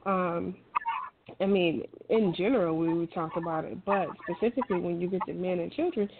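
This middle-aged woman's voice is on the low side, and she talks at a moderate pace. In a relaxed, conversational manner she hands out emphatic, encouraging advice, captured with a thin phone-like sound and clear noise.

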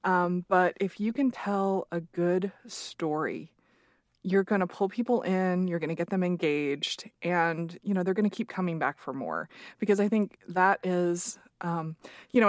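A woman hosts a podcast interview in a casual, encouraging tone, her voice sitting a little low. She fills her pauses with "um" and "you know". The recording is dry and close, with no room sound. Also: no echo. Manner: warm and encouraging, frequent "mm-hmm" and "um". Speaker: podcast host.

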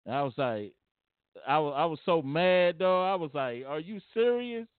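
A man's voice: on the high side, normal speed, clear, resonant tone, dry recording. A man telling a personal story casually and earnestly, often repeating and restarting his phrases. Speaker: vlogger. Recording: tinny phone-like dry sound.

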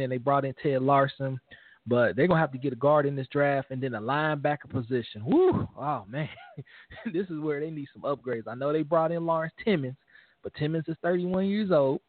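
A man co-hosting a casual sports talk show, animated and joking, leaning on "man" at the end of his lines. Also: on the high side, fairly quick, no echo. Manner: animated trash talk, laughing, repeats "man". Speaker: podcast co-host. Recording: dry, phone-like lo-fi audio.

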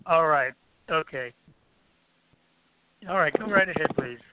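A man's voice: fairly high pitch, measured pace, slight background noise. A man hosting an internet radio interview in a formal, courteous manner, repeating his phrases, on a narrow phone-like line. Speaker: radio show host.

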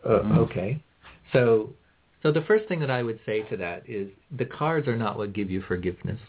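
A man with a fairly low voice hosts a phone-in card reading show. He explains and advises in a measured, conversational way, often restarting his phrases. The audio is muffled and narrow like a call. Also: lively intonation, slight background noise. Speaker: phone-in tarot show host.

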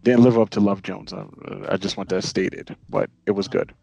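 Male podcast co-host, relaxed and halting, dry recording with faint music under. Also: lowish voice, vocal fry, husky, dry recording. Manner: laid-back, halting. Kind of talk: casual movie review chat.

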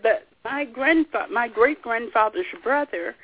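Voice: medium pitch, expressive, a little slow. A guest on a radio interview who talks in a rambling, hesitant way with many restarts. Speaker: call-in guest. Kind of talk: casual radio interview chat. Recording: tinny phone line.

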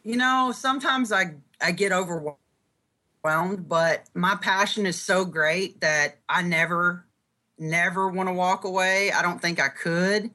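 Woman guest, bright tone, candid expressive storyteller, middle-aged. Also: on the low side, unhurried. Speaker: guest, paranormal investigator. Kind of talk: casual interview chat.

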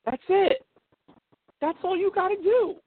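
A man's voice: very high voice, a little slow. A man on the phone giving crude advice to a friend, profane and mock-tough, acting out the lines he suggests. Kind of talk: casual phone chat. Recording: tinny phone line.

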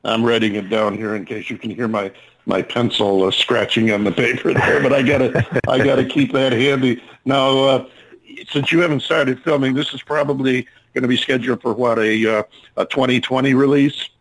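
A man's voice: mid-range voice, fairly even intonation, moderate pace, dry recording, rough recording. A man hosting an interview show, chatting casually in a folksy, welcoming way. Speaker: radio show host.

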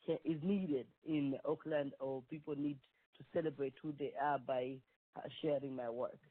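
This woman from Kenya, a performing artist, has a bass voice with a steady tone and normal pace, and she rambles earnestly with frequent restarts during a phone interview. The audio is a tinny, dry phone line with no echo.

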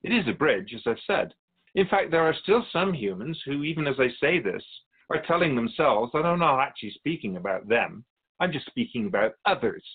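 An actor playing a calm, wise, otherworldly keeper of souls who teaches in a measured, explanatory way as a guest in a radio drama. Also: male voice, mid-range voice, husky, narrow, tinny audio. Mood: firm, explaining.

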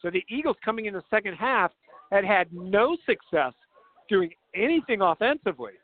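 High-voiced male sports host, thin sound. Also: sing-song, moderate pace, phone-quality sound. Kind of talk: live halftime sports commentary with stats. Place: outdoors at a football field. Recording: thin, band-limited broadcast sound.

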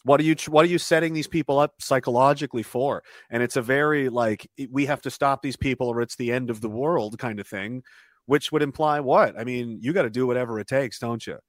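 A man talks as a podcast guest in a loose, rambling way. He restarts his sentences and breaks into short chuckles. His mid-pitched voice sits on a dry, close mic with no room sound. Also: brisk, no echo. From Canada. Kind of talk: casual podcast conversation.

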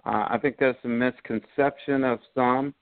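A middle-aged man calling into a talk show over the phone, speaking haltingly with many pauses. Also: medium pitch, fairly even intonation, dry recording. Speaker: caller. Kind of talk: call-in sports talk. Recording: tinny dry phone line.

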